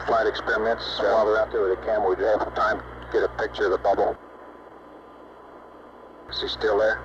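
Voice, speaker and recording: Low-voiced American flight director, noisy intercom. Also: male voice, little pitch movement, fast talker. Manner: clipped, businesslike. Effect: radio intercom. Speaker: flight director in mission control. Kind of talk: astronaut radio mission control loop. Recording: muffled, noisy mission control intercom.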